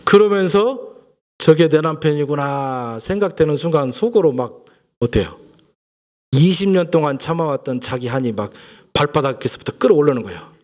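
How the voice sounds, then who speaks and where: Storytelling pastor preaching a lively sermon. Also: male voice, a little high, brisk. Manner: lively storytelling with rhetorical questions to the congregation. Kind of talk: Sunday sermon.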